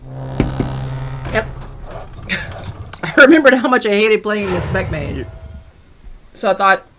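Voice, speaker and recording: Lively upbeat woman commenting on gameplay. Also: medium pitch, slow, gravelly, soft background music. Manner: upbeat, chatty, rambling with self-corrections. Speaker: gaming channel host.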